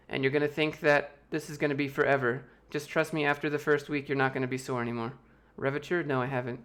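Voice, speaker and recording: Here a YouTube host from the United States casually works through his livestream chat, reading questions aloud and answering offhand with jokes. His voice is medium-pitched and fairly bright.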